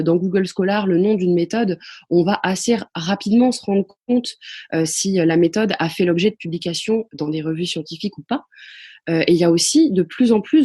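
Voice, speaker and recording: A woman's voice: lowish voice, warm tone, slightly rough. A woman guest on a podcast explaining social psychology, talking hesitantly with many fillers and restarts. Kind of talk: podcast interview answers.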